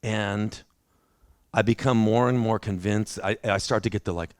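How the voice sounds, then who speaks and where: A man's voice: fairly low pitch, fairly even intonation, moderate pace, clean tone, no room sound, studio quality. A man preaching a sermon in a church, telling his own story in a conversational, self-deprecating way. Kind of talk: sermon with personal testimony.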